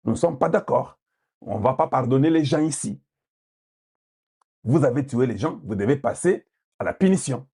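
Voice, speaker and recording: Husky, heated Congolese man. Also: medium pitch, animated, moderate pace, long pauses. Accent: Congolese French. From Democratic Republic of the Congo. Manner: heated and forceful, repeats for emphasis. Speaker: political commentator. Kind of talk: impassioned political commentary.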